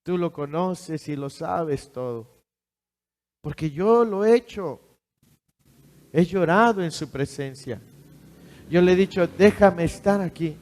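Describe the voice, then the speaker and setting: A man's voice: on the high side, animated, takes it slowly, long pauses, darkish tone. A man preaching a sermon, emphatic and full of rhetorical questions to his congregation in a church hall. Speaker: pastor. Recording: long hall reverb.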